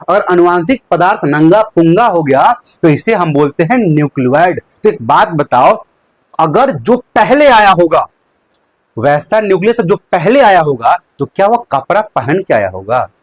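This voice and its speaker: A man's voice: fairly high pitch, expressive, measured pace, dry recording. A young man teaching a live online lecture, asking questions and answering them himself and repeating key terms. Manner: uses a handkerchief as a prop.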